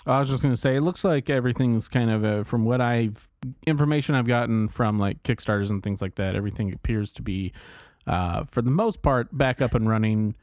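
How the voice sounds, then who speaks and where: Male podcast co-host, mid-pitched, casual conversational delivery, dry close sound. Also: a little fast, hardly any pauses, a little mellow, no room sound. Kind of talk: casual chat.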